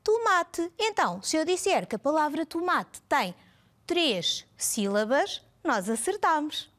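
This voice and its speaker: A woman with a European Portuguese accent teaching young children on screen, animated and sing-song, drawing out each syllable. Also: high voice, a little slow. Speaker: primary school teacher. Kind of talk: televised lesson for young children.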